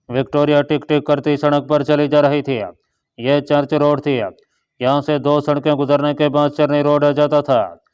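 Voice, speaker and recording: A man reading a scripted story in a steady, even way as narrator, on a slightly dull recording. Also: on the high side, smooth.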